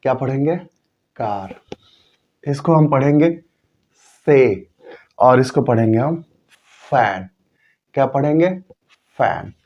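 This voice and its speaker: A man's voice: medium pitch, animated, slow, pauses often, muffled recording. A man teaching English pronunciation, drilling example words by asking and repeating them. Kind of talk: classroom-style lesson.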